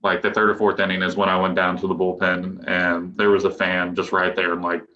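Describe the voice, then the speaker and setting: Deep-voiced young man in an echoey room. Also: completely flat delivery, fairly quick, pushed and bright. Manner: rambling, loose, with restarts and chuckles. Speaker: guest, professional baseball pitcher. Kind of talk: casual podcast interview. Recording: echoey room, dull lo-fi sound.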